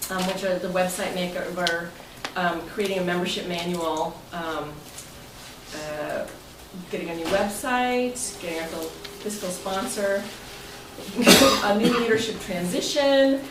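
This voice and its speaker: Her voice on the low side, an American woman acting as club president and meeting host delivers an informal, jokey speech, part of it read from prepared text, and keeps breaking into chuckles. It was picked up by a distant mic in an echoey, noisy indoor club meeting room.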